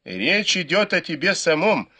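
A man's voice: high-pitched, very animated, unhurried, sharp tone, breathy edge, voice pushed up, heavily acted. A male reader voicing a stern young swordsman who gives curt, threatening commands. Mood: mocking.

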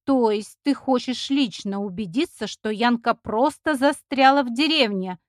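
A spoiled, excitable rich young woman with a slow, haughty drawl and a bright, high voice, as a woman reads her out. The sound is close and dry, like a storybook read at the mic. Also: no echo, close to an everyday voice.

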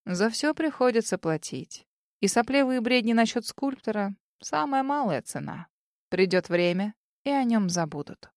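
A cold male mage from an audiobook, flat and dismissive, shrugging things off in a quiet tone, read by a woman. The sound is dry and close to the mic. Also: on the high side, normal speed, no room sound. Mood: cold indifference.

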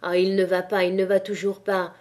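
Woman reads a sly, gushing neighbor wife in a storybook, talking fast to cover up. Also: medium pitch, little pitch movement, a little mellow, natural voice. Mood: feigned. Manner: chattering, feigned surprise.

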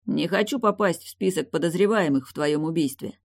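A woman's voice: low voice, fairly quick, vocal fry. A woman voicing a hungover, sardonic man who talks drily and mockingly, in an audiobook. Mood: grumbling. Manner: dry, mocking.

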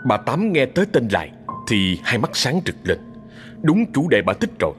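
A man narrating a dramatic folk story in a steady, expressive storytelling manner. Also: mid-range voice, moderate pace, in a large hall, over music.

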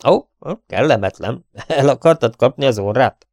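A man voicing a brisk, kind-hearted country vet with a gruff, hurried manner of talking. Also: mid-range voice, animated, darkish tone, dry recording, clean studio sound, voice pushed up. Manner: gruff and hurried, often dropping to a furtive whisper.

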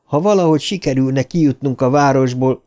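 A man's voice: medium pitch, warm tone, pitched above the performer's own voice, close to an everyday voice. A man voicing a frightened, wisecracking boy who mutters. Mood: sullen.

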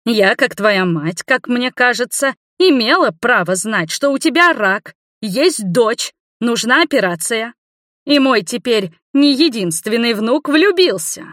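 A woman voicing a loud, domineering grandmother over eighty who scolds her family in a commanding, reproachful way. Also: a little high, sing-song, normal speed, no room sound, clean studio sound, voice pushed up. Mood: indignant.

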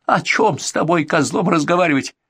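A man's voice: a little high, lively intonation, a little fast, a bit bright, breathy edge, no room sound, pitched above the performer's own voice, full character voice. A man shrieking as a hysterical knife-wielding bandit. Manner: screaming, frantic threats.

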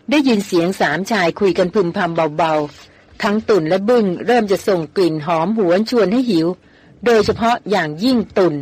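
A woman reads a novel aloud in an even, storytelling manner. Her pitch is middling for a woman, and the recording is dry and close with no room sound. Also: husky, dry recording. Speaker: audiobook narrator.

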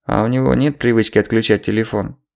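A man reading an audiobook, voicing a gruff, sardonic middle-aged official woken in the night. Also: on the low side, steady tone, fast talker. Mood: curt.

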